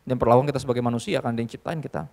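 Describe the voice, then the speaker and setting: A male youth pastor preaching to a live audience in a church hall, lively and joking, often switching into English. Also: mid-range voice, very fast, creaky. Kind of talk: sermon.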